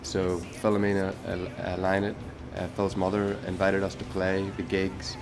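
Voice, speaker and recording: An easygoing man answers interview questions, hesitating and filling gaps as he goes. His voice is fairly low, with music playing clearly in the background. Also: completely flat delivery, moderate pace. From Northern Ireland. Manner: easygoing, hesitant, many fillers. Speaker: rock band member. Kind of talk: casual interview chat.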